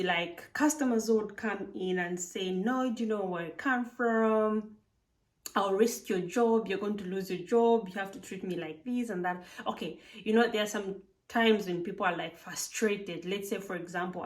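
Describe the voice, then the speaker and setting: A woman's voice: mid-range voice, far from the mic. A woman from Zambia, giving chatty advice in a casual vlog and filling her talk with "like". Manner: chatty, frequent "like" fillers, emphatic. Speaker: vlogger living abroad.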